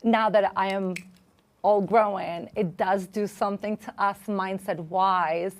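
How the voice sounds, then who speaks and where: A woman's voice: medium pitch, steady tone, unhurried. A woman from Albania, raised in New York, reflectively telling her life story as a podcast guest. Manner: reflective, speaks with fillers. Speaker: guest, business coach. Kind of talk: casual interview storytelling.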